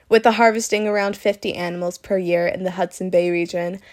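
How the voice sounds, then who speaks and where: A woman's voice: medium pitch, darkish tone. A woman reading scripted narration in the manner of a nature documentary.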